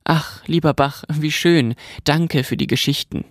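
Man doing a curious little girl, pleading, quick to get cross, dry close read. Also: on the high side, dry recording, natural voice. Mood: wistful.

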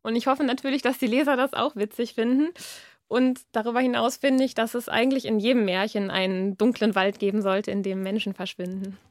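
A woman's voice: fairly high pitch, a little fast, dry recording, studio quality. A woman author in a radio interview who reads her novel expressively and answers questions with some hesitant fillers. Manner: expressive storybook reading, hesitant with fillers in chat.

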